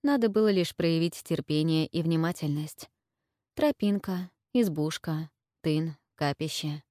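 A woman narrating an audiobook in a measured, even storytelling manner. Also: sits low, no echo, clean studio sound.

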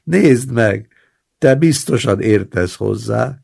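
A man's voice: mid-range voice, lively intonation, vocal fry, a little mellow, husky, heavily acted. A man voicing a self-pitying old male hospital patient who pleads, wails and makes demands. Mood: coaxing.

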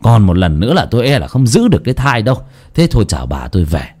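A stern old village healer, as a male narrator voices him, grave and unhurried, laying down firm instructions in a spoken folk tale. The voice stays low and lecturing. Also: huge pitch swings, a little mellow.

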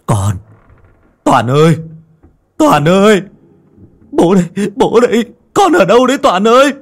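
Man doing a frantic older dad, husky, voice leaping up as he cries out. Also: high-pitched, very animated, measured pace, voice pushed up, heavily acted. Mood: desperate. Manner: desperate, shouting and sobbing. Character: grief-stricken older father searching for his lost son.

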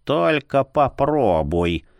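A man voicing a stern, sharp-tongued old woman who keeps a library, scolding slowly and with emphasis. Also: mid-range voice, sing-song, dry recording, studio quality. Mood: scornful. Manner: scolding, haughty, slow and emphatic.

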